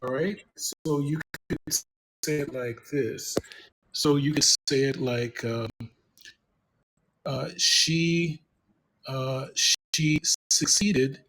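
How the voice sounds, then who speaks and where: Slow, patient male English tutor. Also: mid-range voice, fairly bright tone. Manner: patient, encouraging, talks while typing. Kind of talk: one-on-one online English lesson.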